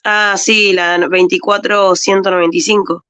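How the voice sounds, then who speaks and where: A woman's voice: mid-range voice, little pitch movement, moderate pace, fairly bright tone, clean tone. A woman student who asks questions in class in a polite, tentative way.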